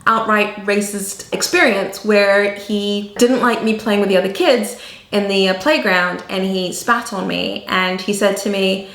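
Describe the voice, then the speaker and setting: A woman whose first language was not English, speaking English with an accent shaped by southern Africa and American teachers, telling a personal story in earnest, animated vlog style. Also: mid-range voice, a little slow, creaky, echoey room. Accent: mixed African and American-learned English. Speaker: vlogger.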